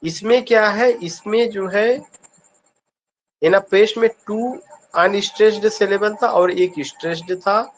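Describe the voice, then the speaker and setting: A man's voice: high-pitched, a little slow, highs cut off, slight background noise. A man with an Indian accent teaching an online exam-prep lesson, asking questions and answering them himself, repeating key points. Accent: Indian English. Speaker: English teacher.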